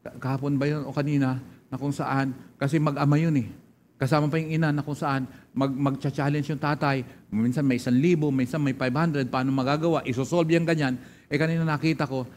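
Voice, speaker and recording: A Filipino man preaching with a slightly raised pitch, stressing and repeating his points. He booms through scripture and murmurs short praises between thoughts. A faint ambient hum sits behind him. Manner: emphatic preaching, repeats key lines, loud scripture reading; frequent murmured "praise God" interjections. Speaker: pastor. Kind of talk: sermon.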